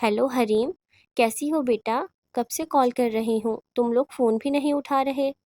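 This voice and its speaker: A woman's voice: fairly high pitch, darkish tone, natural voice. A woman voicing a worried middle-aged mother who asks anxious, pleading questions in a horror audiobook.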